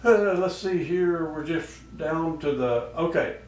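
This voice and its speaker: A man's voice: a little high, animated, slow pace, darkish tone. A man hosting a show, giving casual, instructional talk. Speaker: host of a duck call show. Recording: echoey noisy room, distant mic.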